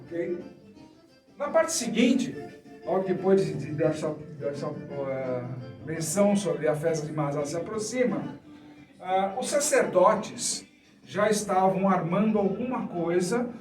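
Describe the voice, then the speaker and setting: A man's voice: sits high, lively intonation, slow, over music. A man with a Brazilian Portuguese accent teaching a sermon, asking questions and answering them himself. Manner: didactic, asks and answers own questions. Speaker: preacher. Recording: echoey room, mic at a distance.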